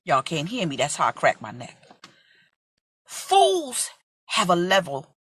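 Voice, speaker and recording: A woman's voice: lowish voice, wildly swooping pitch, takes it slowly, fairly bright tone, slightly rough, no room sound. A woman in her forties from Brooklyn, preaching in an impassioned, emphatic way and acting out voices in a vlog sermon. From Brooklyn, USA. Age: 40s.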